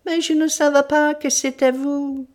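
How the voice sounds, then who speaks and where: A woman reading an audiobook, voicing a meek, flustered male sidekick who answers in slow, plaintive replies. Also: sits high, level tone, darkish tone, voice pushed up. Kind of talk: audiobook character voice.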